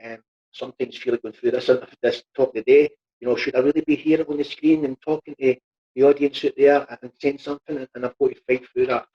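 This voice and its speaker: A man's voice: mid-range voice, steady tone, a little fast, breathy edge. A man speaking as a panel guest, hesitant and earnest, heard over dull, muffled call audio. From Scotland.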